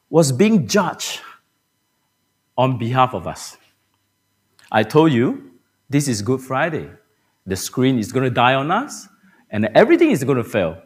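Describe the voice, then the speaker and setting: A man preaches a Good Friday sermon from a church pulpit. His voice sits high and swings widely in pitch as he throws rhetorical questions at the congregation. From Singapore. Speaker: pastor. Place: church sanctuary.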